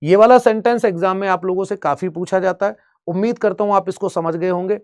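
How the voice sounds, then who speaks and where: Man, Bihari accent, high-pitched, exam-prep teacher, step-by-step explaining. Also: a little fast, darkish tone. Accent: Bihari Hindi. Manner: explains step by step, asks students rhetorical questions. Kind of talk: exam-prep grammar lesson.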